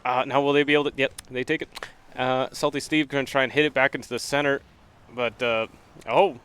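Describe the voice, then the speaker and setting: A man calling casual live play-by-play for an esports match, relaxed and joking, with excited shouts on big plays. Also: mid-range voice, a little fast, clear, resonant tone.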